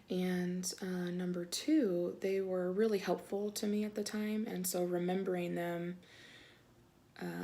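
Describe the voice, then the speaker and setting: A woman talking casually about faith and reading her devotional blog aloud, soft-spoken with many fillers. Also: lowish voice, gravelly.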